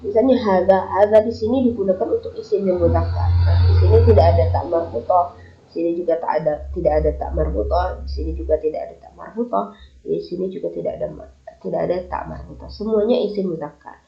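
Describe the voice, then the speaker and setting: Gravelly woman teaching slowly. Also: fairly low pitch, slight background noise. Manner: slow, drawn-out reading of example sentences; many fillers while explaining. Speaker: Arabic teacher. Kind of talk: explaining a textbook lesson. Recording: dull lo-fi recording.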